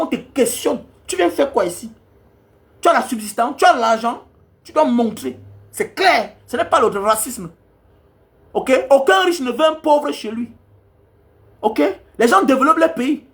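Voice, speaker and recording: A man's voice: very high-pitched, a bit bright. A man from Cameroon, a travel vlogger scolding his viewers in an angry, repetitive rant. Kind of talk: ranting monologue to viewers.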